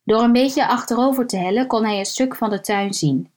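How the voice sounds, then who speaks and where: A woman narrating a suspenseful story in a calm, measured way, slowing down at tense moments. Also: on the high side. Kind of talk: scripted narration of a thriller story.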